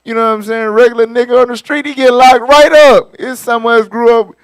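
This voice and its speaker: A man with a high, clear voice hosts a talk show. He comments on clips in animated, slangy speech and laughs often. His mic is close and dry. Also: a little fast, no room sound. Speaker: host.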